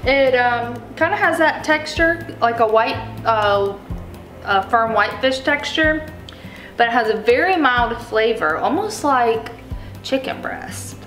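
A fairly high-voiced woman talks through a recipe in a relaxed, chatty way while she cooks. She explains each step plainly, as if to friends watching. The kitchen sounds echoey, with faint music underneath. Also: a little slow. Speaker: home cook. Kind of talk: casual cooking demo.

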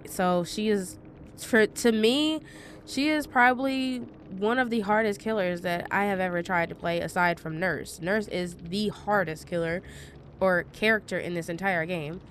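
The speaker is a young woman who vlogs about gaming, narrating a match casually with many fillers and sarcastic remarks. She talks at a moderate pace with a medium-pitched voice, and a little hiss or hum is audible.

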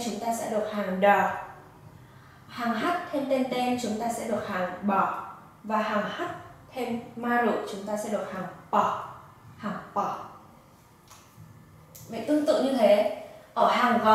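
A woman teaching Japanese pronunciation, slowly demonstrating each syllable. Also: fairly high pitch, slight background noise. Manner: slow, careful demonstration of syllables. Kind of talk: pronunciation lesson. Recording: echoey room from a distance.

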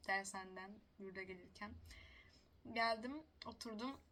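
A woman's voice: medium pitch, normal speed, sharp tone, a little hiss or hum. A young woman telling stories casually to the camera, chatty and self-mocking, laughing often. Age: young adult. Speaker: vlogger.

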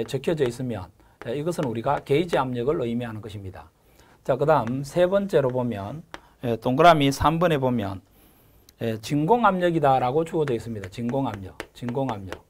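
A middle-aged man giving a recorded exam-prep lecture, repeating key terms, filling pauses with a drawn-out "에" and checking in with "그죠?" after each point. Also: mid-range voice, lively intonation. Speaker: lecturer for a gas engineering exam course.

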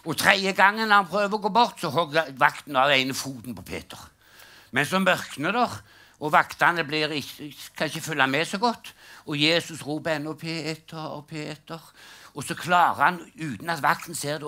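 A man's voice: fairly high pitch, bright, forceful tone. An older man doing a live stand-up routine, telling jokes in a dry storytelling way and acting out the punchlines. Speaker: stand-up comedian. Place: live comedy stage.

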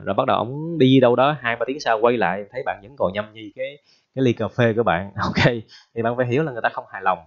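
A male English teacher gives a casual, joking vocabulary lesson and keeps checking in with his students. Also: mid-range voice. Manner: chatty, joking, frequent tag questions. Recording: dull lo-fi recording.

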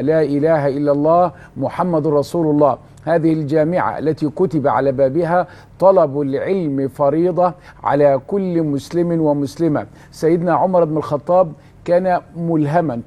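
On a televised talk show, a man with an Egyptian Arabic accent delivers religious storytelling, posing rhetorical questions and answering them with fervour. He speaks in a slightly high voice with a dark tone.

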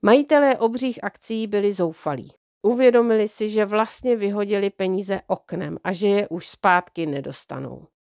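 A woman reads a children's storybook aloud at a mid pitch, calm and even. Her voice is slightly under the weather. The recording is close and dry, with no room sound. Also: gravelly, no echo. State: slightly unwell voice. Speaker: audiobook reader. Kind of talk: reading a children's book aloud.

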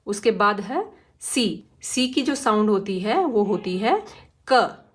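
A woman's voice: medium pitch, big pitch swings, slow, breathy edge. A woman teaching phonics, explaining each letter patiently and demonstrating its sound again and again. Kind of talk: slow, careful phonics lesson.

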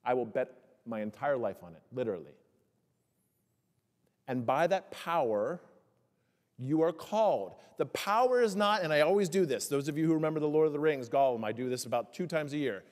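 A man's voice: on the high side, lively intonation. Man preaching in a reverberant church. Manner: asks the congregation many rhetorical questions; slows down to stress key phrases. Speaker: pastor. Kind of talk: sermon. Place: church sanctuary.

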